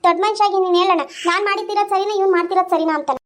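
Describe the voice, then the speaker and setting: A fed-up young village wife, voiced by a woman for a cartoon. She pours out grievances in a very high, rapid voice, pleading and aggrieved. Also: steady tone, fairly bright tone. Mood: complaining. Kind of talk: animated village drama voice-over.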